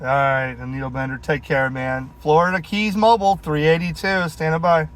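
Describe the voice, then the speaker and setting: In a slightly high, fairly bright voice with fairly even intonation, a man speaks rather quickly as a CB radio operator and video host. Sitting in his vehicle on mobile radio, he's friendly and casual, using radio lingo and call signs, while radio noise, clicks, and vehicle sounds are clearly heard.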